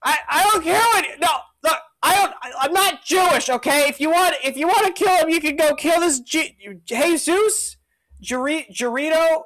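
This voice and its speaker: A man's voice: extremely high pitch, moderate pace, a bit bright, pitched above the performer's own voice, poor audio. Man doing a comic hungover Roman governor: whiny, flustered, rambling. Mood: exasperated.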